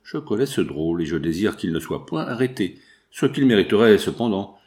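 A man voicing a stern middle-aged ex-foreman who speaks low and clipped, through clenched teeth. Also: sing-song, brisk, a little mellow. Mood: formal.

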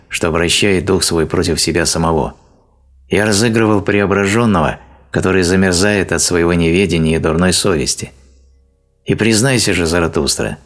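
A man reading an old, self-pitying male sorcerer in an audiobook, pleading and declaiming in a deep voice over faint music. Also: close to an everyday voice. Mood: sly. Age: older.

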